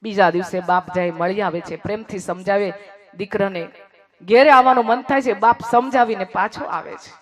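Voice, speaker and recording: Dramatic storyteller, hushed then raised. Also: mid-range voice, normal speed. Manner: repeats phrases for emphasis. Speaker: moral storyteller. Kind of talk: emotional devotional storytelling.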